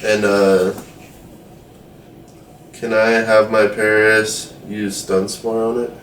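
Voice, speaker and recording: Low guy player, slow talker, asks stuff, far off w echo. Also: flat delivery, a bit bright, slight background noise. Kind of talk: casual tabletop play. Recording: distant from mic in an echoey room.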